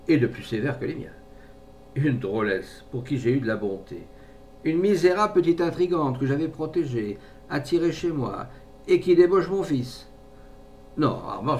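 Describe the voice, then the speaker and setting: A man voicing a bitter, jealous, domineering middle-aged mother in an indignant, scornful tirade, recorded from a distant mic with faint rumble. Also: gravelly, darkish tone. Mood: cold.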